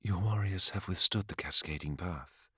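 A man voicing a serene, regal divine queen in a soft, measured, stately way. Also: low-pitched, slightly rough, no echo, studio quality, exaggerated voice.

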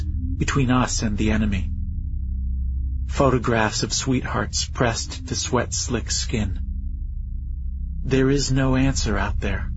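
An actor playing a troubled male ship AI whose voice glitches through a robotic filter, speaking slowly and gravely. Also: medium pitch. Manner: slow, grave, measured narration. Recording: muffled audio with music behind. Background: music score.

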